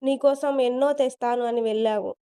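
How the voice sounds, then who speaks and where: A soft-spoken grown niece talks warmly to her uncle, as a woman storyteller voices her. Her voice is quieter, fairly high and clear. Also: steady tone, brisk, close to an everyday voice. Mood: affectionate. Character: grown niece, warm and teasing.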